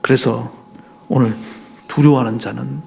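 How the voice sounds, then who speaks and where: A man's voice: medium pitch, fairly even intonation, measured pace, vocal fry, a little mellow, slight background noise. A male pastor preaching a sermon emphatically, pressing the congregation with rhetorical questions.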